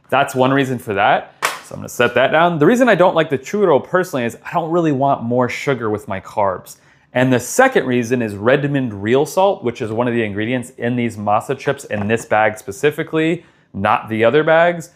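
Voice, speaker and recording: Male vlogger, mid-pitched voice, casual and enthusiastic product reviewer with emphatic delivery.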